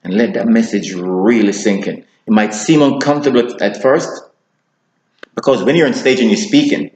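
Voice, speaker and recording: A man teaching public speaking, talking to camera and deliberately shifting his pace, slowing down for emphasis. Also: lowish voice, darkish tone, roomy sound, poor audio. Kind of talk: instructional talk to camera.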